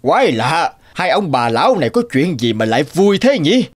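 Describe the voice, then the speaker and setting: A man voicing a greedy, cruel old landlord in a cartoon, blustering and shouting. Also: a little high, big pitch swings, normal speed. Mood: scheming. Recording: cartoon with music behind.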